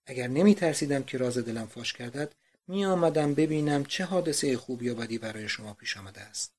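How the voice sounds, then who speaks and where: Brief: male narrator voicing a worried young woman's letter, soft and pleading, slightly low voice. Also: lightly acted. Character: young woman writing an anxious love letter.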